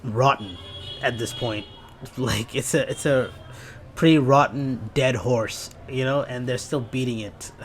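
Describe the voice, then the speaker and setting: A man from Bangladesh reacts casually to a clip, laughing often and restarting his sentences as he goes. His voice sits at a plain middle pitch. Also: a little hiss or hum. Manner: laughing, halting, with frequent restarts. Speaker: reaction video host.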